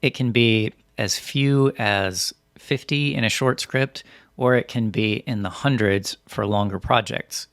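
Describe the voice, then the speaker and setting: Low-voiced man narrating a tutorial. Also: measured pace, a bit bright, no room sound, studio quality. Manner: methodical, step-by-step. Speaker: software tutorial presenter. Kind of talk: scripted instructional narration.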